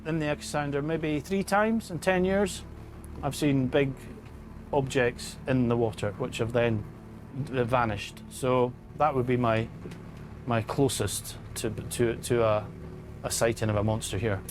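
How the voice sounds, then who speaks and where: A man's voice: medium pitch, fairly even intonation, a little slow, over music. A man who works as a boat tour guide, talking about his experience.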